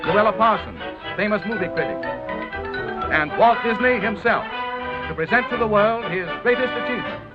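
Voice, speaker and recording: An American documentary narrator, high-pitched and animated, speaks at normal speed as he reads a scripted 1930s promotional film. His style is that of a formal, grandiose announcer, heard over orchestral music on a dull vintage soundtrack.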